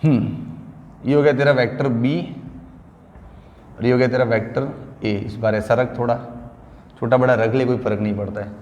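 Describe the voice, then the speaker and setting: A man teaching physics at a board in an informal, chatty way, calling students friend and repeating terms slowly so they can take notes. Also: medium pitch, steady tone, darkish tone. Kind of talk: classroom lecture at a board. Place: classroom with a large board. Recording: echoey room with long reverb.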